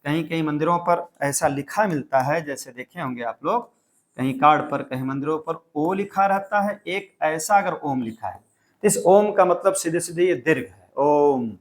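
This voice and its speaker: Man explaining step by step, a bit high. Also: normal speed. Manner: explains step by step, repeats key points. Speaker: teacher. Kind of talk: exam-prep lecture.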